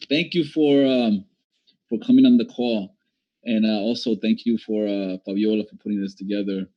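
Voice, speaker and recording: Low-voiced man presenting over a call. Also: normal speed. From Puerto Rico and Dominican Republic. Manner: relaxed and chatty, with frequent fillers. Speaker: guest presenter. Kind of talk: casual presentation on a video call. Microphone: video call. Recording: dull lo-fi call audio.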